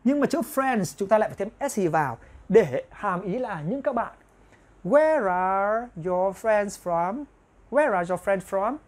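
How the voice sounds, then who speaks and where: Woman, English teacher, online lesson, slow repeated example phrases, step-by-step explaining, mid pitch. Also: expressive, darkish tone. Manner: repeats example phrases slowly to drill pronunciation; explains step by step, often asking the viewers "right?".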